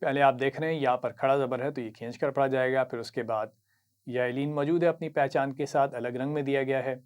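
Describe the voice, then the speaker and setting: A man with an Urdu accent teaching Quran reading, patiently explaining each word, reciting it slowly and praising the learner. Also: mid-range voice, fairly even intonation, clean tone. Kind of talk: slow instructional lesson.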